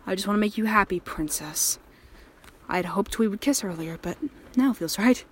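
A woman's voice: mid-range voice, moderate pace, slight background noise, close to an everyday voice. A woman playing a menacing possessive male killer. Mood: softly menacing.

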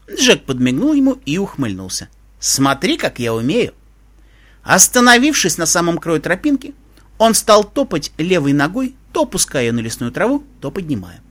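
A man narrating a story in an expressive, animated way. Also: high-pitched.

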